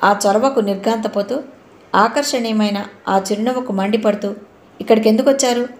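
A woman narrating a novel in a measured storytelling manner. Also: mid-range voice, darkish tone. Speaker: audiobook narrator. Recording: roomy echo.

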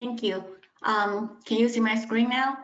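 A woman in a mid-range voice narrates a screen-share software demo, pausing often with fillers. The sound is roomy and dull, like video call audio from a screen recording. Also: a little high, fairly even intonation. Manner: hesitant, many fillers. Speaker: analyst presenting software.

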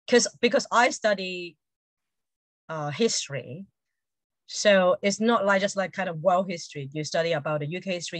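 Her voice is lowish yet bright and forceful, captured in a dry recording as she speaks casually over a video call from an indoor room at home. She's a Montessori educator in her forties with a Hong Kong accent, appearing as an interview guest and often saying "you know."

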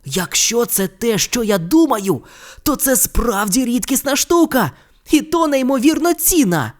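The audiobook reader voices an excitable boy wizard, speaking in high, eager exclamations. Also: measured pace. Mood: excited. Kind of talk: audiobook character reading.

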